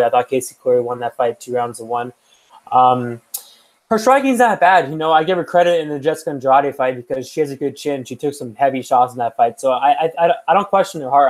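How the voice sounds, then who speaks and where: Recorded with poor audio quality, this young man speaks at a medium pitch while co-hosting a podcast. In a relaxed, rambling manner, he chats about his fight picks, full of filler words and false starts.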